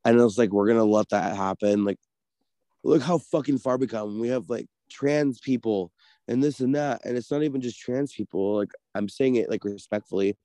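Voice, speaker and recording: A man's voice: medium pitch, normal speed, dark tone, no echo. A man co-hosting a casual podcast, ranting in a heated, profane way. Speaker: podcast co-host.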